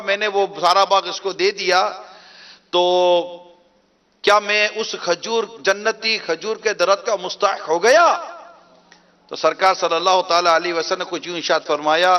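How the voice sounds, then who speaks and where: Bright high-voiced man preaching. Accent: Pakistani Urdu. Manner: retells a story, acting out the dialogue with rising emphasis. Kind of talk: sermon storytelling.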